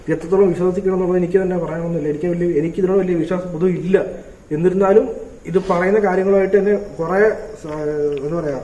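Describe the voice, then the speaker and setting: A man's voice: high-pitched, steady tone, racing, dark tone. A young man from Kerala hosting a night ghost-hunting vlog in an abandoned house, calling out over and over in a pleading way. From Kerala, India. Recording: echoey room, dull lo-fi sound.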